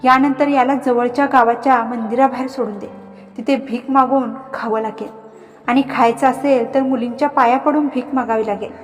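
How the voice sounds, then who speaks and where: A woman's voice: fairly high pitch, steady tone, normal speed, natural voice. A woman voicing a fierce, vengeful young husband who gives menacing commands, with reverb and faint music.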